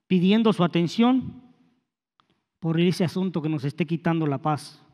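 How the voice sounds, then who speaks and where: A man's voice: sits high, a little mellow. A man preaching a sermon in a conversational way, with hesitant restarts and rhetorical questions. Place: church hall. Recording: long hall reverb.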